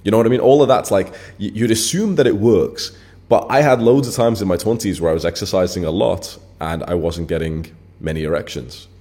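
A man in his late twenties hosts his own channel, speaking bluntly and casually to camera in a low, mellow voice at a brisk pace. He swears freely and leans heavily on filler words.

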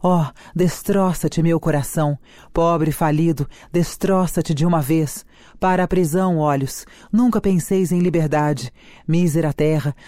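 A reader voicing Juliet, a passionate young noblewoman, declaiming slowly in a dramatic reading of a play. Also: mid-range voice, mellow, no echo, clean studio sound, close to an everyday voice. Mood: anguished.

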